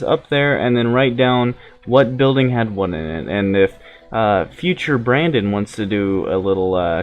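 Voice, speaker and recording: A man hosting a gaming video with casual let's play commentary, informal and playful in his phrasing. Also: fairly low pitch.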